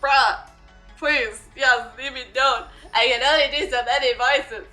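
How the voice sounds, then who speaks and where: A woman's voice: high-pitched, fairly even intonation, unhurried, pushed and bright, faint music behind, rough recording. A young woman streaming a game and chatting casually, blunt and swearing, laughing often. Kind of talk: casual gaming commentary.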